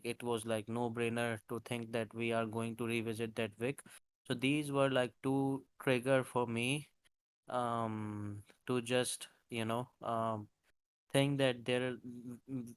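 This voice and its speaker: On a live-streamed chart walkthrough, a crypto market analyst explains market charts casually in a smooth, mid-range voice. He sounds hesitant, full of fillers and restarts, and the recording is dry.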